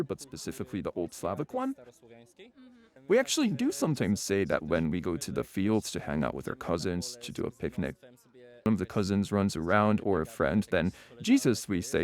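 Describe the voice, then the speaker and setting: A man from Poland answering street interview questions outdoors, telling folklore anecdotes as an expressive storyteller. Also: on the low side. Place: outdoors on a city square.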